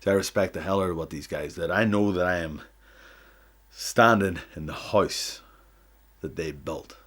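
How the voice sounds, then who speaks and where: A man cutting a boastful, goading wrestling promo, swinging from loud to hushed. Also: low-pitched, normal speed. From not from the UK.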